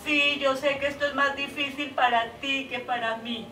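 A woman's voice: sits high, fairly even intonation, normal speed, bright, forceful tone. Actress as a heartbroken woman on the phone. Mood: tender. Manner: emotional, swings between tender pleading and desperate outbursts. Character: heartbroken woman pleading with her departing lover by phone. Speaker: stage actress. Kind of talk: stage monologue acting. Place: theater stage. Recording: echoey stage from far off, audible noise.

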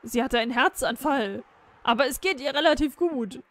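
A woman's voice: high-pitched, normal speed, no echo, close to an everyday voice. A woman voicing a formal, polite man calling from a nursing home in a game reading.

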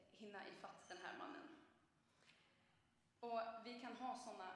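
A woman's voice: medium pitch, a bit bright, slight background noise. A young woman preacher giving a conversational sermon, telling a personal story with frequent hesitations. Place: church. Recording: echoey church from a distance.

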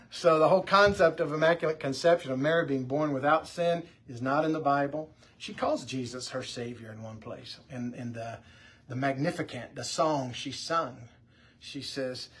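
A man, a pastor, teaching about the Bible in a relaxed, conversational way, often restarting his sentences. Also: a little high, breathy edge. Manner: conversational, with frequent restarts and fillers.

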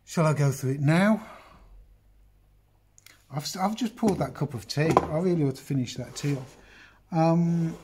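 A man's voice: on the high side, a little slow, long pauses, very noisy. Chatty English man in a workshop. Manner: chatty, rambling, self-interrupting, talks to the viewer. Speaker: woodworking video host. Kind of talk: casual workshop demonstration. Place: indoor woodworking workshop. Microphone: phone camera on the bench, moved around.

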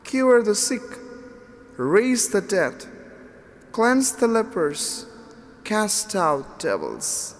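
Male priest, high and lilting, slow solemn gospel proclamation, cathedral echo. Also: huge pitch swings. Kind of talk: liturgical gospel reading. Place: large church. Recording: long church reverb.

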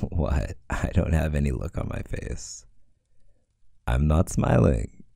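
A man in a whispered role-play as a playful, teasing boyfriend, speaking softly and affectionately. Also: rumbling low, expressive, takes it slowly, gravelly, no echo, clean studio sound. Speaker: audio role-play creator.

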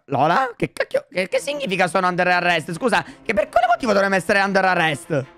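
A man with a bright, forceful voice plays a father in a game role-play. He exclaims often and gets flustered quickly, with faint music playing behind. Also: high voice, wildly swooping pitch.

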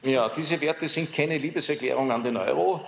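Gravelly, hesitant man analysing polls. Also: on the high side, normal speed, slight background noise. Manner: hesitant, many fillers and restarts. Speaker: pollster guest expert. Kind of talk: studio interview analysis. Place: TV studio.

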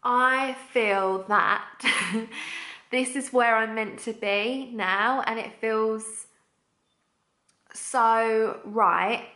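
Bright, excited woman vlogging. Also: a little high, very slow, pauses often, reverberant. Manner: chatty, excited and heartfelt. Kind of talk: casual vlog to camera.

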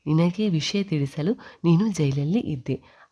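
A woman's voice: low voice, unhurried, mellow. Woman voicing a tearful grieving widow. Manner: tearful pleading.

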